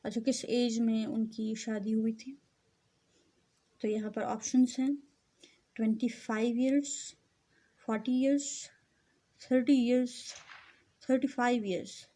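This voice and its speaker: A woman teacher with a Pakistani accent, giving a recorded lesson to young pupils and explaining things slowly and patiently. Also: fairly high pitch, fairly even intonation, warm tone. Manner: slow, patient explaining, mixing English and Urdu. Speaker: school teacher. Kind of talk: recorded classroom lecture.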